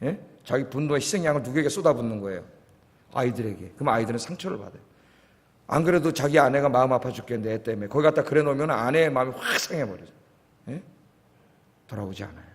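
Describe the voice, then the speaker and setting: A man's voice: medium pitch, lively intonation, quick pace. A male pastor preaching a sermon. He asks the congregation questions, answers them himself, and lets his voice fall almost to a whisper at the ends of phrases. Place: church sanctuary. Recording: long church reverb.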